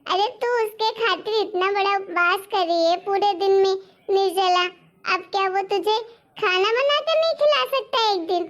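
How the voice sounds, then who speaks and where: A woman's voice: extremely high pitch, moderate pace, a bit bright. A woman voicing a teasing, affectionate older mother-in-law who scolds playfully and insists on having her way in a cartoon story. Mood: insistent.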